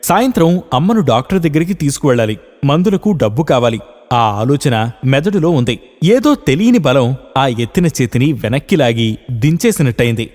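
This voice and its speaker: A man narrating a short story for a radio program in an expressive storytelling manner. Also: medium pitch, moderate pace, big-room sound, soft background music.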